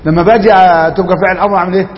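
A man's voice: sits high, fairly even intonation, racing, big-room sound, muffled recording. A man with an Egyptian Arabic accent teaching a classroom grammar lesson, quizzing students and repeating their answers.

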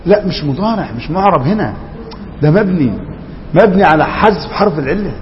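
A man's voice: fairly high pitch, animated, a little fast, long reverb tail, muffled recording, a little hiss or hum. A man with an Egyptian Arabic accent teaching a classroom grammar lesson, quizzing students and repeating their answers.

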